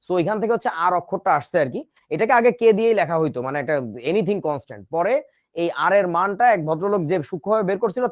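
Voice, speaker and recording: A high-pitched man delivers a relaxed online chemistry lecture, chatting and cracking jokes with his students. The sound is lo-fi and free of echo.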